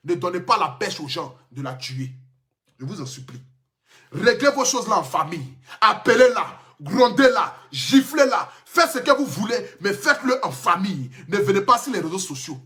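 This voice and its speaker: A man's voice: high voice, very animated, moderate pace, sharp tone. A man with an Ivorian French accent giving an emphatic, impassioned live stream rant into his phone. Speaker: social media personality.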